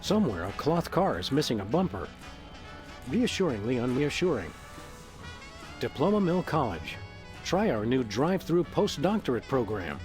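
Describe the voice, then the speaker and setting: A deadpan cartoon dog detective, voiced by a man, delivers dry quips with a lively, varied intonation. His lines are game dialogue with faint music behind them. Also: mid-range voice, moderate pace, lightly acted.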